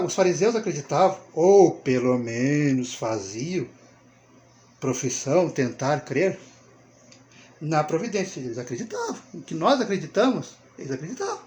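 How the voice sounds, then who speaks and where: Brazilian guy, kinda high voice, chatty bible teacher, keeps asking "right?" and chuckling. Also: darkish tone, slight background noise. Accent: Brazilian Portuguese. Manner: chatty, with rhetorical check-ins and frequent chuckles. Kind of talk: informal conversational Bible talk.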